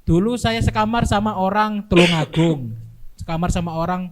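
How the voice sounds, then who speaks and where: Young man explaining slowly with tag questions. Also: high-pitched. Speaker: guest, dorm security staff. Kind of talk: casual podcast chat.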